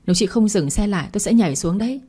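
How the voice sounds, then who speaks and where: A woman's voice: medium pitch, expressive, racing, warm tone, husky. A woman voicing a frightened young woman who pleads urgently. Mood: pleading.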